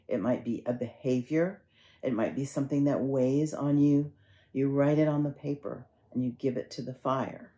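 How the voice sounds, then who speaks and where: A woman minister preaching in a relaxed, conversational way, moving from stories into gentle instructions. Her voice sits low with a warm, mellow tone. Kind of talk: sermon.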